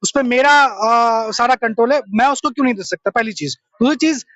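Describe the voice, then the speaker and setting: A man's voice: very high voice, brisk, a bit bright, no room sound. Earnest young man explaining. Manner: earnest, explanatory, mixes English terms. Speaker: interviewee. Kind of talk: street interview. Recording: dull lo-fi sound.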